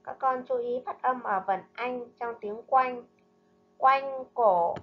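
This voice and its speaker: A woman primary school teacher giving a recorded reading lesson to young children, speaking slowly and enunciating each word with care. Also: fairly high pitch, fairly even intonation, phone-quality sound. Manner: slow, careful, clearly enunciated reading and drills. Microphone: voice-over narration over slides.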